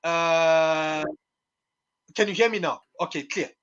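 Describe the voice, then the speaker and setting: A man's voice: on the high side, slow pace, a bit bright, smooth, muffled recording. A man speaking as a guest analyst over a call whose audio keeps breaking up on a bad network, repeating his words as he goes. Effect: call audio breaking up over a bad network connection. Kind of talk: casual interview over a call. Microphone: remote call.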